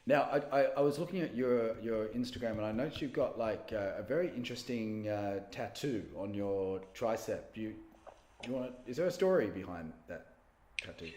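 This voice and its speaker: A man's voice: lowish voice, expressive, fairly quick, darkish tone. Guy interviewer in an echoey room, stumbles into his questions, lots of mm and yeah. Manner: encouraging, lots of short backchannels, stammering restarts. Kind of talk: casual interview chat.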